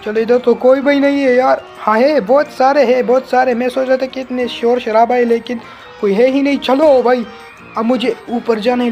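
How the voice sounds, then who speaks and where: With an extremely high-pitched voice, this man hosts a gaming channel, narrating a let's-play with lots of excitement. He keeps addressing the viewer as brother, yelping and saying the same words again and again.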